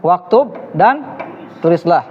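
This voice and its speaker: A man's voice: sits high, lively intonation, slow pace, a little hiss or hum. A man teaching an Arabic class, encouraging his students and praising their answers often. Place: mosque classroom. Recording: dull reverberant room recording.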